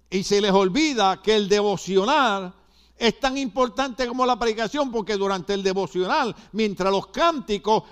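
With an extremely high, smooth, fairly bright voice, an older Puerto Rican man preaches to his congregation. He is a pastor with a Puerto Rican Spanish accent, and his sermon leans on emphatic repetition and asides.

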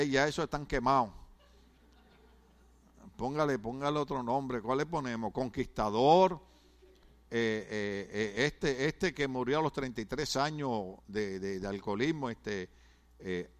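A male pastor preaches in a fairly high voice. He talks to his congregation casually, joking and stumbling over his words before pushing on. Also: fairly bright tone. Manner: conversational, humorous preaching with stammered restarts. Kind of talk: sermon.

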